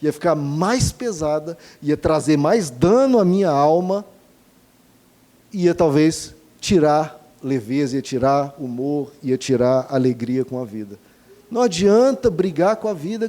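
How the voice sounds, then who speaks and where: Brief: male pastor, fairly high-pitched but mellow, earnest rhetorical sermon delivery. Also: lively intonation, measured pace. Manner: earnest, rhetorical questions, addresses congregation as dear ones.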